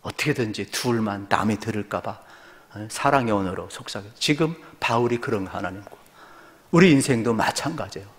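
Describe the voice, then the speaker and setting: A male pastor delivers a sermon in a church sanctuary, his voice carried by a long hall reverb. He shifts from loud, rising appeals to a quiet storytelling tone and keeps calling out to the congregation with questions. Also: lowish voice, lively intonation, fairly quick. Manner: swings from loud rising exhortation to soft storytelling; addresses the congregation often, asks rhetorical questions.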